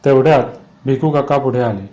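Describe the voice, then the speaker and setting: A man narrating a scripted horror story in a measured, suspenseful way. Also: medium pitch, warm tone, highs cut off.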